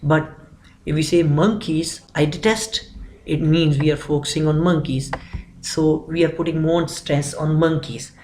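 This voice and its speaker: Man teaching grammar, slightly high. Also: little pitch movement, normal speed, a little mellow, a little hiss or hum, low-quality recording. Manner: methodical, repeats phrases while explaining. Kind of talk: explanatory grammar lecture.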